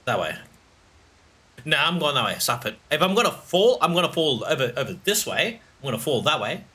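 Bright, lively-voiced male gamer. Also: a little high, brisk, husky. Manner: talks to himself, exclaims and laughs often. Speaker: gaming channel host. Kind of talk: let's play commentary.

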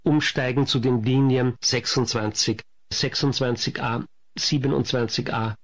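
A man reading formal, measured, scripted subway station announcements. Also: medium pitch, steady tone. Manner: formal, measured listing of stops and transfers.

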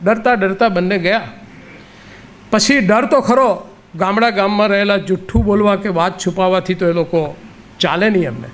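Male lecturer with a high-pitched voice, conversational storyteller who repeats key phrases to drive his point home. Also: moderate pace, a bit bright. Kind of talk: inspirational public lecture.

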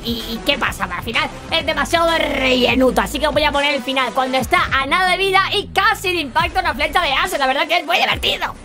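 A woman, commentating game clips in an excitable, sarcastic and exasperated way, swearing freely. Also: high-pitched, quick pace, few pauses, over loud music. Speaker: gameplay clip commentator.

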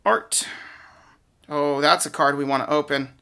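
A man's voice: a little high, fairly even intonation, unhurried, creaky, bright, forceful tone, smooth. A man giving casual, off-the-cuff unboxing commentary as he opens card packs, often hesitant and trailing off mid-thought. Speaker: card pack opener and commentator.

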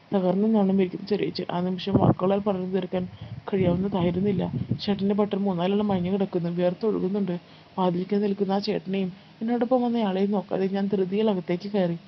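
A woman narrating a first-person life story in a calm, steady storytelling read. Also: medium pitch. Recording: slightly muffled with faint background noise.

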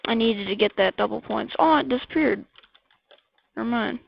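Excitable woman with a gravelly, lo-fi voice. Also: a little high, moderate pace. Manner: excitable, rambling, blurts out weapon names. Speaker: gameplay commentator. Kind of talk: casual gameplay commentary. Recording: dull lo-fi dry mic.

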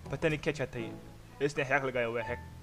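A man with a Pakistani Urdu accent giving comic, excitable commentary over his own sniper match, mock-insulting his opponents. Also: medium pitch, fast. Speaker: gamer giving funny commentary. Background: background music.

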